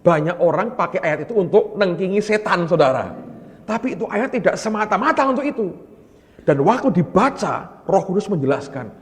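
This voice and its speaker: A male pastor preaching a sermon, telling stories with lively energy and often addressing the congregation directly. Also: high voice, moderate pace. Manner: animated storytelling, often calling the congregation "brothers". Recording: long hall reverb.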